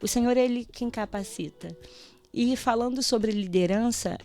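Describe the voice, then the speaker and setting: Higher-voiced woman giving a lively testimony. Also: moderate pace, soft background music. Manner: animated storytelling, acts out prayers and dialogue, laughs often. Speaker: radio show guest, teacher. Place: radio studio.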